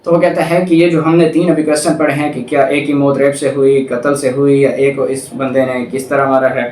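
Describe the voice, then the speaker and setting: In a very echoey room, some distance from the mic and with slight background noise, a male Pakistani law lecturer speaks a little quickly in a mid-range, darkish, fairly flat voice. He methodically reads statute clauses aloud, then explains them didactically using everyday examples.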